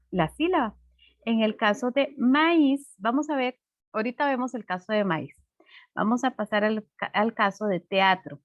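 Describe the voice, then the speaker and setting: A woman's voice: a little high, no room sound, muffled recording. Patient woman teacher. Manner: patient, explains slowly with many "¿verdad?". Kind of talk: online class lesson.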